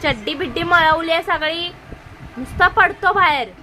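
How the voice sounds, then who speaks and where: A woman's voice: extremely high pitch, normal speed, pushed and bright, a little hiss or hum. A woman with a Marathi accent playing an aunt in a family comedy sketch, scolding and arguing sharply.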